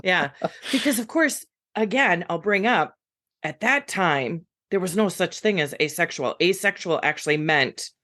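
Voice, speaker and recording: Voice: mid-range voice, expressive, moderate pace, sharp tone. A podcast co-host chatting casually and backing up the other speaker with frequent short agreements. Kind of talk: casual conversation.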